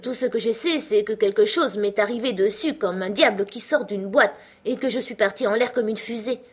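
A woman voicing a small, shaken male lizard in a storybook, talking fast and fluttery with a husky edge. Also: medium pitch, natural voice. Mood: flustered.

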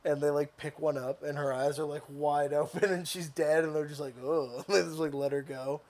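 Brief: wry, joking male co-host, casual chat, slightly high voice. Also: flat delivery, fairly quick, darkish tone. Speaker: podcast co-host.

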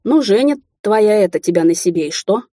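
A woman voicing a gruff older Russian man who lectures in a coarse, bossy way. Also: mid-range voice, animated, fairly quick, mellow, dry recording, clean studio sound, close to an everyday voice. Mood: lecturing.

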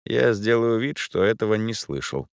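A composed older professor, voiced by a male reader, speaks politely and a little loftily. His voice is low but expressive, recorded dry and close. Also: creaky, no echo. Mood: courteous. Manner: measured, polite, faintly lofty. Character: older male professor, calm, courteous and principled.

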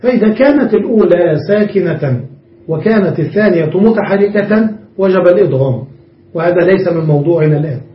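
High-voiced male grammar teacher, distant and roomy. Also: animated, fairly quick. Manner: explains step by step, often checks understanding with the class. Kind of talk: classroom grammar lesson. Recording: roomy, muffled recording from a distance.

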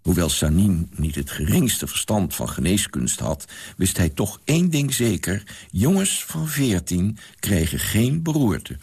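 A man giving an expressive, animated reading of a classic novel. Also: low-pitched, measured pace, husky. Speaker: reader.

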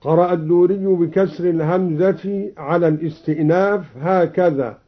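A man on the radio explaining Quran reading variants in a measured way, chanting each quoted verse, on a dull old broadcast recording. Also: sits high, fairly even intonation. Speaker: Quran recitation teacher on radio.

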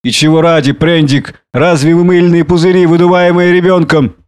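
A man reading an audiobook, voicing a bitter drunken exiled doctor who rants and shouts in a raised voice. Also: a little high, fairly even intonation, moderate pace, clear, resonant tone, pitched above the performer's own voice, close to an everyday voice. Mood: self-pitying. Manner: ranting, shouting, self-pitying.

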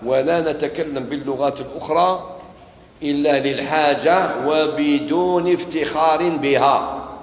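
A man's voice: on the high side, echoey room, big-room sound, rough recording. A man with an Algerian Arabic accent giving a Quran commentary lesson, talking conversationally and acting out everyday dialogues. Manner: conversational, mixes formal and colloquial speech, acts out street dialogues. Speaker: preacher.

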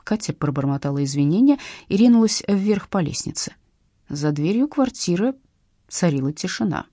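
Husky, low-voiced woman narrating a story. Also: normal speed, dry recording, clean studio sound. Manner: wry, lively storytelling. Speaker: audiobook narrator. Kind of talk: expressive audiobook reading.

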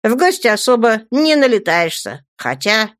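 A calm, reasonable young man talks in a measured way, as a woman reader voices him. The storybook sound is close and dry. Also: a little high, dry recording, pitched above the performer's own voice.

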